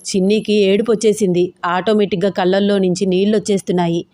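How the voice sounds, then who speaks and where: A woman narrating a romantic audio story in a steady, expressive reading voice. Her pitch is middle for a woman, and the sound is close and dry with no room around it. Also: fast talker, no echo.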